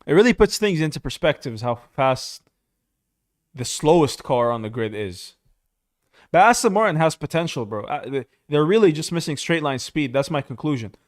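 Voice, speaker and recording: A young man streaming live, giving casual, excitable commentary on a motor race and saying "bro" a lot. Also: a little high, normal speed.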